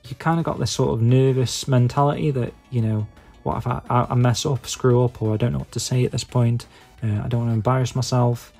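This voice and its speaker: This Stoke-on-Trent man from England, a YouTube video maker and podcaster, talks briskly and with few pauses in a gravelly, dark, relaxed voice at a middling pitch. He rambles to viewers in a hesitant, self-deprecating way, stuffing his thoughts with fillers. Music can be heard behind him.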